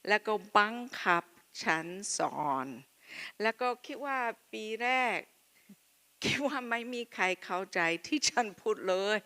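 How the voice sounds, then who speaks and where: Slow, bright-voiced woman speaking learner's Thai. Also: medium pitch, very animated. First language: not Thai. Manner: simple, halting learner's Thai in short phrases. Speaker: missionary speaker giving testimony. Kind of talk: personal testimony through an interpreter.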